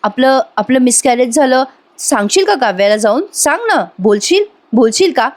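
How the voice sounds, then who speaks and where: Hurt young husband, reproachful and heartfelt, in a fairly high voice, as a woman reads him. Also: lively intonation, normal speed.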